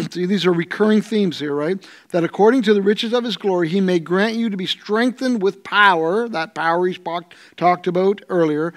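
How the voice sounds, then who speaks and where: A middle-aged man with a Canadian accent, a pastor teaching through a scripture passage, thoughtful and pausing over his words, seated in a church studio with a lapel mic. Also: on the high side. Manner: thoughtful, searching for words with fillers and restarts.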